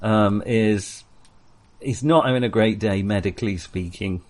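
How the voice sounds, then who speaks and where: A man's voice: fairly low pitch, unhurried. Man running a tabletop game. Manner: hesitant, lots of fillers. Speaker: game master.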